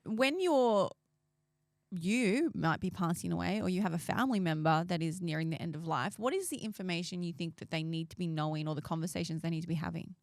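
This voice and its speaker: A woman's voice: lowish voice, brisk, dry recording, clean studio sound. A woman co-hosting a podcast in casual conversation, talking in an emotive, emphatic way. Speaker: podcast co-host.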